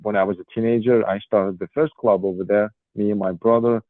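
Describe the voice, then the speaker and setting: A man in his forties from Morocco, giving earnest interview answers with frequent um pauses. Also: fairly low pitch, fairly even intonation, no room sound. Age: 40s. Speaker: guest, pigeon racing federation official. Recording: tinny phone line, dry.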